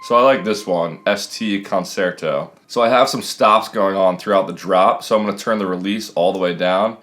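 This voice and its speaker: A man's voice: deep voice, normal speed, a bit bright. A man in his thirties talking casually and explaining step by step as a music production tutor, recorded in a small home room.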